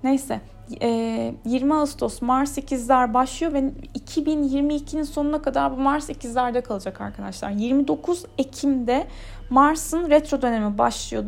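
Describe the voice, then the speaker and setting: Casting: female astrologer, higher register, strongly creaky, nonstop chatty forecast delivery. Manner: chatty, nonstop talk running on from point to point. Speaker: astrologer presenting a yearly horoscope. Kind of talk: informal spoken horoscope forecast.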